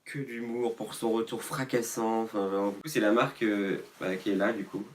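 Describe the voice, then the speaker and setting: A man's voice: fairly low pitch, fairly even intonation, normal speed. A man vlogging casually about clothes he bought, rambling and self-mocking with lots of fillers and asides. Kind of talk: casual fashion haul vlog.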